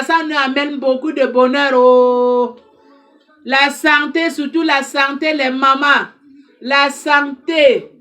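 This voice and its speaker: A high-pitched, slightly bright female voice belongs to an advice counselor giving a fervent talk to the camera. She speaks French as a second language and keeps exhorting her listeners with emphasis and repetition.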